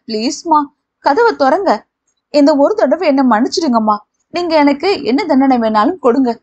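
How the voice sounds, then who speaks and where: A woman's voice: sits high, a little mellow, lo-fi sound. A woman voicing a young woman who pleads tearfully with her mother.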